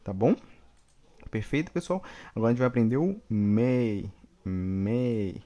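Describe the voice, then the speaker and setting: A man from Brazil teaching an English lesson, patiently repeating each example slowly and checking in with the class. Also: mid-range voice, warm tone, lo-fi sound.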